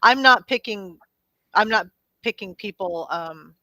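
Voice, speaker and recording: Woman host, casual live-stream chatter, offhand and laughing, crisp clear tone. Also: medium pitch, unhurried, bright, forceful tone, no room sound.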